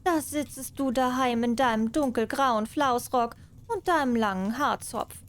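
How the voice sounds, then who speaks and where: Lady doing a sneaky greedy fairytale cat, high voice, kinda curt and brazen. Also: unhurried, lightly acted. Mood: dismissive. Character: sly, greedy female cat, curt and scheming.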